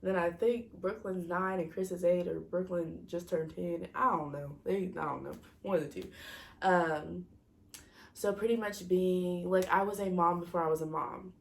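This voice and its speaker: A vlogger in her twenties chats casually with her viewers, sounding a bit stuffy from a cold as she rambles, searches for words, and often corrects herself. Her voice is fairly low with vocal fry, fairly even intonation, and a normal speed.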